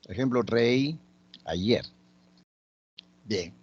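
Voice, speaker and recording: A man teaching a lesson on letters and sounds, slowly and patiently listing example words one by one. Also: mid-range voice, expressive, breathy edge, no echo, muffled recording. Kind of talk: spoken grammar lesson.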